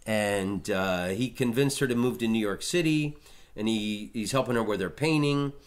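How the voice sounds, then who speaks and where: A man's voice: fairly low pitch, moderate pace. A middle-aged man hosting a podcast, chatting casually about art history with many restarts and fillers. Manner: rambling, frequent restarts and fillers. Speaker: podcast host.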